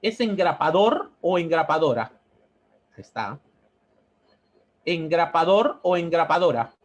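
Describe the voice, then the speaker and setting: A man's voice: fairly high pitch, sing-song, a little slow, highs cut off. A man teaching a grammar lesson, who repeats words and checks in with a questioning "¿no?". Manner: explains step by step, repeating words and asking "¿no?".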